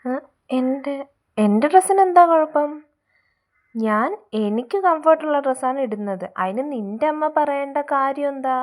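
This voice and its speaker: A woman's voice: fairly high pitch, close to an everyday voice. A woman playing a defiant young wife in a comedy sketch, arguing in an indignant, argumentative way.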